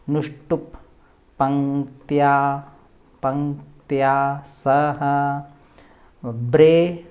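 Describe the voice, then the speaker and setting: A man teaching a recitation lesson, explaining patiently and then chanting syllables slowly and drawn out, often checking that the listener follows. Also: mid-range voice, mellow. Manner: keeps asking for agreement.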